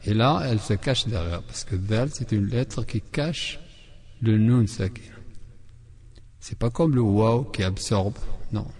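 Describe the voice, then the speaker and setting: A man teaches the rules of Quran recitation in a tajwid lesson with chanted examples, explaining patiently and repeating syllables again and again. His voice is fairly low, expressive, and a little mellow, at a measured pace, with a big-room sound.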